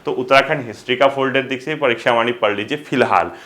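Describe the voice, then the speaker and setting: Man giving exam advice, bright voice. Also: mid-range voice, quick pace. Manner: addresses students as kids, frequent rhetorical questions. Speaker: exam coaching teacher. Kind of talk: casual spoken exam advice.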